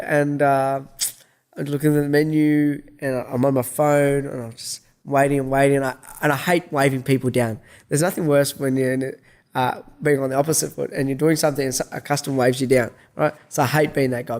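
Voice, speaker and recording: A man's voice: medium pitch, a little mellow. A middle-aged man telling a story in a casual monologue, rambling with restarts and swearing. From Australia. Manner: rambling, frequent restarts and swearing, acts out dialogue. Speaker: vlogger.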